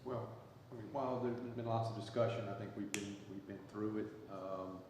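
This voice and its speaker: Blunt, halting man at council. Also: lowish voice, fairly even intonation. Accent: Southern US. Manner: blunt, defiant, halting with many fillers. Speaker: council member. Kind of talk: council debate remarks. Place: city council chamber. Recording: echoey council chamber, faint noise.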